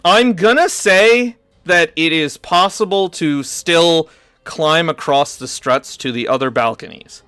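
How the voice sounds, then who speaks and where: A man's voice: on the high side, unhurried, fairly bright tone, smooth, no room sound. A man running a tabletop role-playing game as game master, switching between casual talk and descriptive narration.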